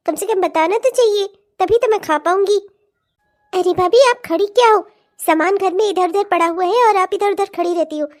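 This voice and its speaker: A woman voicing a greedy, spiteful young sister-in-law who speaks in a snide, bossy way. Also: very high voice.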